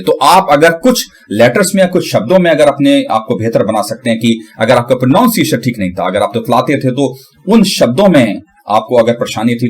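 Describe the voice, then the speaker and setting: A man giving a casual tutorial on pronunciation, breaking hard words into syllables and repeating them slowly. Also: medium pitch, breathy edge. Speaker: channel host.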